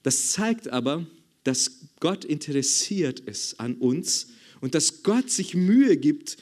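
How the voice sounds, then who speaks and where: Man, high voice, church sermon, emphatic preacher, repeats key points. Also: animated, slow, a little mellow. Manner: emphatic, repetitive, calls for amens. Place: church service.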